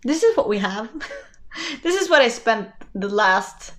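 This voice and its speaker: A woman's voice: on the high side, very animated, unhurried, fairly bright tone. A woman, chatting casually about her knitting projects, laughing often and poking fun at her own mistakes. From Sweden. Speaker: knitting vlogger. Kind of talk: casual chat.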